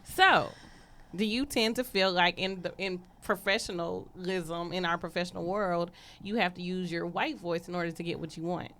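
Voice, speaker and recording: A woman's voice: lowish voice, fairly even intonation, moderate pace, a bit bright. A woman attorney hosting a podcast, chatting casually and steering the conversation with questions. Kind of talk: casual chat.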